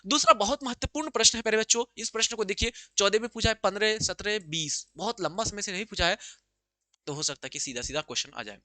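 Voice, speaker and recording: Lively bright-voiced male Hindi teacher. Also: sits high, no room sound. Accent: Bihari Hindi. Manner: repeats "pyare bachchon" and "hai na", reads English lines slowly then explains them. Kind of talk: exam-prep lesson.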